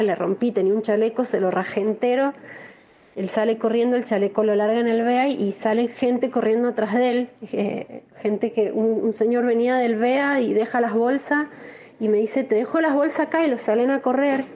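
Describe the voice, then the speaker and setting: A woman's voice: a little high, slight background noise. Shaken Rioplatense woman, muffled recording. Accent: Rioplatense Spanish. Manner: shaken, halting, with restarts. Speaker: interviewee recounting an assault. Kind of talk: emotional first-person testimony.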